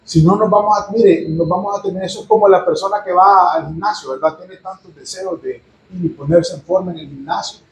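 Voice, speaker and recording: High-voiced pastor in an echoey room. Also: male voice, steady tone, brisk, few pauses. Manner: chatty, often asks "¿verdad?" and adds humorous asides. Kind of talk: conversational sermon with Bible reading.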